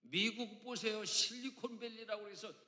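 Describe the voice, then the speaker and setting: A man in his fifties from Chungcheong, Korea, preaching a sermon as senior pastor, jumping between loud emphatic lines and quiet asides, with folksy jokes. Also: high voice, normal speed. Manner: emphatic preacher with big swings between loud and soft, joking. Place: church sanctuary. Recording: echoey church hall.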